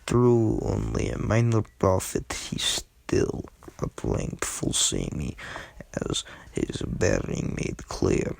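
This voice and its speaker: A man with a Russian accent reads a science fiction story aloud in a halting way, stumbling over words and correcting himself, his voice gravelly and husky. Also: on the low side, huge pitch swings, a little mellow, dry recording. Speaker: amateur reader.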